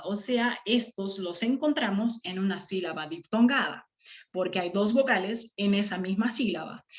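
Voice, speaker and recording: A woman with a medium-pitched voice teaches her class a grammar lesson, drawing words out syllable by syllable and checking in with brief questions.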